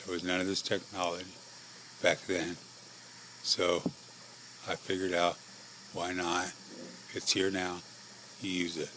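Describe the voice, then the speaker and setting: A middle-aged American man, frail and short of breath, giving a personal testimony in halting short phrases with pauses. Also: deep voice, little pitch movement, a bit bright, a little hiss or hum, poor audio. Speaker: patient telling own life story.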